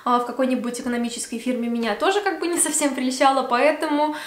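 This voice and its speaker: A woman's voice: high voice, steady tone, quick pace, echoey room. A woman of twenty-five from Belarus, talking casually to camera in a Q&A vlog at home, full of fillers. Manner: chatty, many fillers. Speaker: beauty vlogger. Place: room at home by a Christmas tree.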